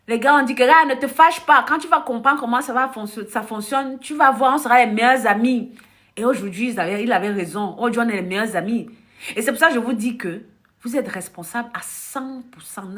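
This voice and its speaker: A woman from Africa, a life coach, telling stories on a live stream. She laughs often, acts out conversations and talks bluntly to her viewers. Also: on the high side. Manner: animated storytelling with frequent laughter, acting out dialogue; blunt, direct addressing of the audience. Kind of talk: casual live-stream monologue.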